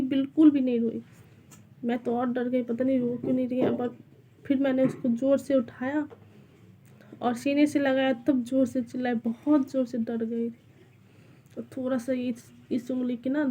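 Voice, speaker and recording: High-pitched, flat-toned young woman. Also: dull audio, a little hiss or hum. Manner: anxious, retelling a scare. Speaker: vlogger. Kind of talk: casual home vlog chat. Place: small rented room at home.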